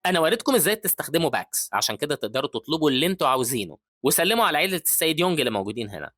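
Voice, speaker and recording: A determined young male hero in a comic recap, speaking with an Egyptian accent, as a male narrator voices him. He talks in brisk, urgent bursts at a very fast clip. The recording is dry with no room sound. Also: on the high side, big pitch swings, fairly bright tone, no echo. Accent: Egyptian Arabic.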